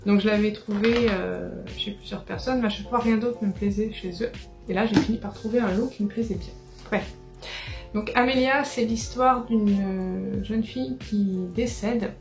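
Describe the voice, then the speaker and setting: A woman rambles casually through the books she picked up, pausing often with fillers and correcting herself. Her voice has a slightly gravelly edge, recorded in an echoey room with faint music underneath. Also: mid-range voice, a little mellow. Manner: chatty, hesitant, many fillers and restarts. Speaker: book vlogger. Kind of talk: casual book haul chat.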